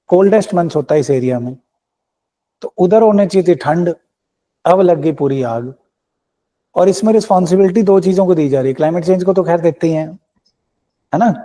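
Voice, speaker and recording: A man's voice: on the high side, warm tone. A man teaching a current-affairs class for exam students, mixing English phrases into his explanations and often checking in with rhetorical questions. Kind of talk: Hinglish current-affairs lecture.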